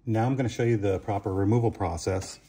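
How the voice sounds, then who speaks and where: A man's voice: fairly low pitch, fairly even intonation, fast, warm tone. A man giving a plain, step-by-step demonstration of a workshop tool in a small concrete booth, on a camera mic. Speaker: product demonstrator.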